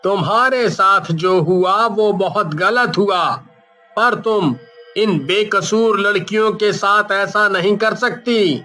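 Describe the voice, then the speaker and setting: A man voicing a stern middle-aged priest in an animated horror story, scolding slowly and commandingly. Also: sits high, exaggerated voice. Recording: faint music, slightly distant.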